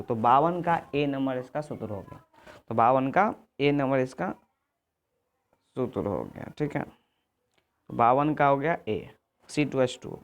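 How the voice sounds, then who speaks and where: Exam-prep tutor, repetitive, self-correcting, mid pitch. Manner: checks in with "ठीक है" and "आगे देखिए". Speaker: teacher. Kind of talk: exam answer walkthrough lesson.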